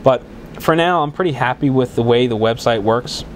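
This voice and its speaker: Congested and a bit worn from a head cold, a man rambles casually through his own podcast, restarting often and using many fillers. He speaks at medium pitch and a moderate pace, with a little hiss or hum in the background.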